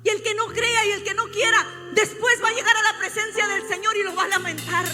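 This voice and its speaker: Woman preacher, very high and piercing, fervent sermon, echoing church hall, faint music under her. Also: fairly even intonation, fairly quick. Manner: fervent preaching, often rising to shouts. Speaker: prophet and pastor. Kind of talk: impassioned sermon. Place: church sanctuary.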